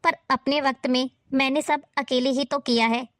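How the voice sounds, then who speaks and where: A woman's voice: sits high, steady tone, moderate pace, fairly bright tone, slight background noise. A woman playing an older mother-in-law who nags and taunts in a family drama. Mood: scolding. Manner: scolding, taunting. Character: nagging older mother-in-law, harsh and scornful.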